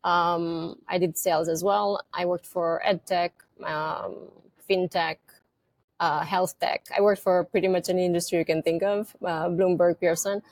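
A woman with a Romanian accent answers interview questions in a low voice with some gravel in it. She talks thoughtfully, often pausing on fillers and restarting her sentences. The sound is close and dry, with no room ring. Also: steady tone, dry recording. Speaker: guest, company co-founder. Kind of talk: conversational interview.

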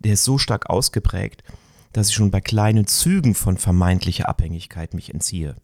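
A middle-aged man speaks in a reflective, searching way, often pausing on fillers as he thinks aloud. His voice sits a little low and sounds mellow. The recording is dry and close. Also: lively intonation, dry recording. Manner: thoughtful, searching, with many fillers. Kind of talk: reflective conversation.

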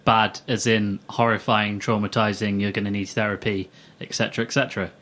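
A man's voice: fairly low pitch, level tone, brisk, fairly bright tone. Man, podcast co-host, casual chat, sarcastic jokes. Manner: joking, sarcastic asides.

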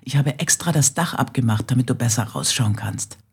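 A woman voicing a kindly middle-aged male farmer in a children's storybook reading, talking gently and patiently. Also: a bass voice, lively intonation, fairly quick, breathy edge, exaggerated voice. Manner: gentle, patient, fond scolding.

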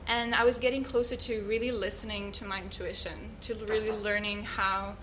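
A woman's voice: medium pitch, little pitch movement, moderate pace, fairly bright tone, a little hiss or hum, rough recording. Earnest woman telling her story. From Switzerland. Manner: earnest, thoughtful, searching for words. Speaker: guest, yoga teacher. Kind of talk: reflective personal storytelling.

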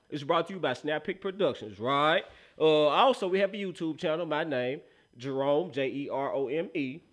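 A man hosts a casual sports talk show in a high, bright voice. His talk is slangy and full of hype, addressed straight to the audience. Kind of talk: casual show opening and promos.

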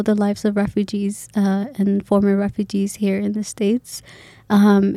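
A woman's voice: medium pitch, gravelly, warm tone, no room sound, studio quality. A woman in her twenties from Kenya, a graduate student talking in a casual interview, hesitant with many fillers and restarts.

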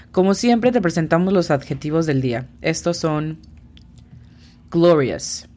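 A woman hosting a podcast lesson as an English teacher, explaining slowly and carefully and spelling words out sound by sound. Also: sits low, a little mellow.

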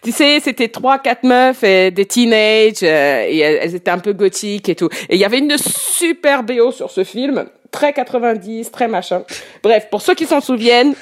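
A woman with a high-leaning, lively voice presents new German rock in a casual radio music column, speaking at normal speed. She's hesitant, full of fillers and restarts, and laughs easily as she talks.

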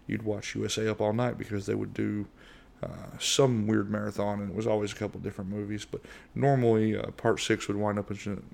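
A middle-aged American man hosts a casual solo podcast, rambling in a monotone marked by many fillers and restarts. His lowish, creaky voice runs a little fast, with few pauses.

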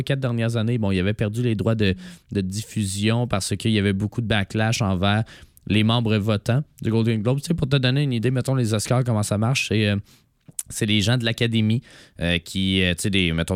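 A man with a smoker's rasp, hoarse and on the low side, recorded close and dry. He has a Quebec French accent and chats informally as a show co-host, hesitating and adding asides. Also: no room sound. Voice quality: raspy smoker's voice. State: hoarse from lingering laryngitis. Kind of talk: casual chat about cinema.

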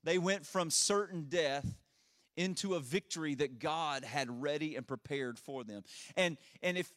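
Pastor preaching at a pulpit microphone. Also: male voice, on the high side, measured pace, fairly bright tone. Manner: earnest storytelling with frequent restarts. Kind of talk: sermon retelling a Bible story.

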